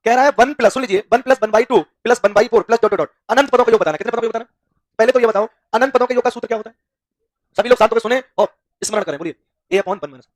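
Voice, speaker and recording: High, fast-talking male maths teacher. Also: dry recording, studio quality. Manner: quizzing students with repeated call-and-response questions; folksy, teasing classroom humor. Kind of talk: classroom maths lesson.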